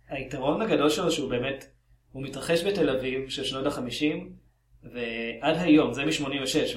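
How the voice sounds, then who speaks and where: Guy from israel co-hosting a movie podcast, jokey and animated, mid-pitch voice, roomy echo. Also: a little hiss or hum. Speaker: podcast co-host. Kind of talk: casual podcast chat about films.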